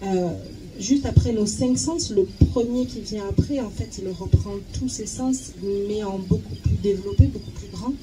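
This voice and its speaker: Over music, a woman interprets consecutively in real time, her medium-pitched voice moving at normal speed with few pauses. Even so, she is hesitant and keeps repeating words while finding her phrasing. The rough recording carries clear, steady background noise.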